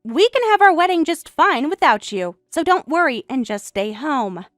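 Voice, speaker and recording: A woman playing a self-assured young bride in a family drama, measured, matter-of-fact and quietly defiant. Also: high voice, sing-song, no room sound, clean studio sound, soft background music. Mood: pointed, defiant. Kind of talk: acted dialogue in a narrated family drama.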